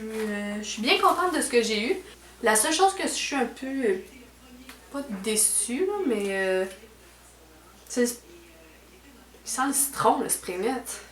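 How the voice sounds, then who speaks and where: A woman's voice: on the high side, a bit bright. A young woman with a Quebec French accent chatting casually through a beauty unboxing at home, with lots of fillers and trailing "là". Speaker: beauty vlogger. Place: at home indoors. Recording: echoey room.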